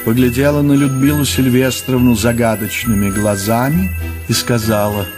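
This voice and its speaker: Brief: man, middle-pitched audiobook narrator, expressive and wry, soft music bed. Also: moderate pace. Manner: expressive storytelling, ironic.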